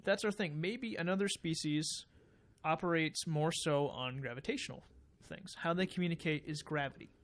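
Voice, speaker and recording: A man with a slightly raised pitch, talking casually on a podcast. He muses out loud and builds long explanations, often pausing on fillers. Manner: speculative, explaining at length with fillers. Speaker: podcast co-host. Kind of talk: casual chat.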